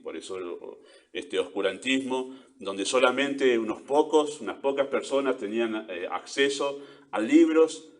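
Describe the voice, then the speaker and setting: A man with an Argentine accent preaching a sermon as pastor, earnest, stressing key words and checking in with rhetorical questions. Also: mid-range voice. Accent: Argentine Spanish.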